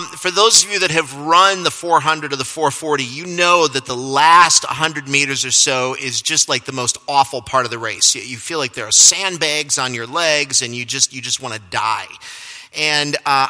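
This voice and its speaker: A man with a fairly high, sharp voice preaches a sermon, sharing a self-deprecating personal story and chuckling at himself. The sound carries the long reverb of a large hall.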